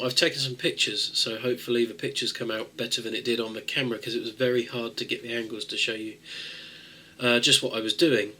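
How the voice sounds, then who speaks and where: The recording is rough, capturing a man with a nasal, cold-affected voice, mid-range, bright and forceful. As a tech video host, he meanders through a casual how-to fix, stumbling into fillers and restarts.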